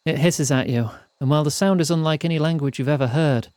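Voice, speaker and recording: A man streaming a fantasy role-playing game, reading its text aloud in measured storytelling style and chatting between passages. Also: on the high side, a little mellow, no echo, clean studio sound.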